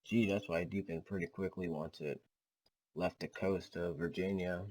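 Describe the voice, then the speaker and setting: A man's voice: deep voice, fairly even intonation, moderate pace, a little mellow, low-quality recording. A man hosting his own weather channel, walking through a storm forecast casually, hesitant and full of fillers, with a slight stutter. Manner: hesitant, repeats himself, many fillers; self-admitted slight stutter.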